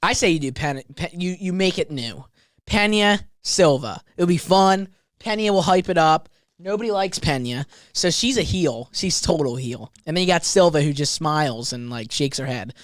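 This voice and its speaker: A man's voice: on the high side, moderate pace, dry recording, studio quality. A man co-hosting a podcast, chatting casually about fights in a rambling way, full of fillers and restarts. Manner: animated, rambling, lots of fillers. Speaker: podcast co-host.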